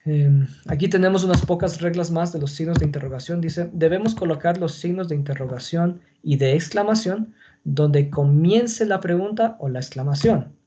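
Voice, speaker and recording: A man's voice: a little high, moderate pace, warm tone, lo-fi sound, slight background noise. A man teaching a class on punctuation, explaining patiently and checking in with his students. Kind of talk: online class on Spanish punctuation.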